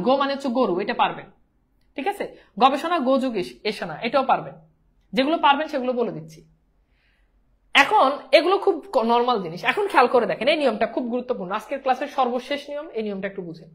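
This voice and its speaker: A woman teaching an exam-prep grammar class, often checking whether her students understand and mixing English words into her speech. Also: high voice.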